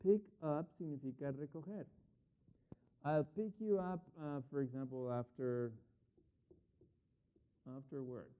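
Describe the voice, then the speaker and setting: A middle-aged man teaching English grammar in Spanish in an online class, patiently explaining and asking rhetorical questions, slowing down to spell out English example sentences. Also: a little high, clear, resonant tone. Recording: phone-like thin audio.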